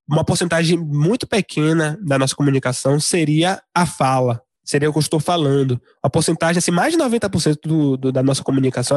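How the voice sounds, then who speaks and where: A man's voice: on the high side, dry recording, studio quality. A man in a casual discussion, explaining his views reflectively with frequent restarts and fillers. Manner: hesitant, many restarts and fillers.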